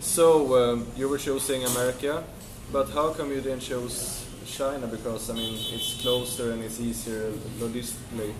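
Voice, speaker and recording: A man's voice: medium pitch, little pitch movement, moderate pace, few pauses, recorded from a distance. Swedish-accented man asking interview questions. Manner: brief, plain questions. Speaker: vlog host and interviewer. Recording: echoey room with background noise.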